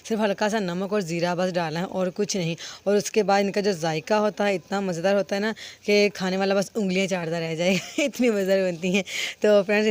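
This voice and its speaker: A woman's voice: medium pitch, darkish tone. A woman hosting a casual home cooking vlog from a village kitchen, chatty and addressing her viewers as friends. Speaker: cooking vlogger.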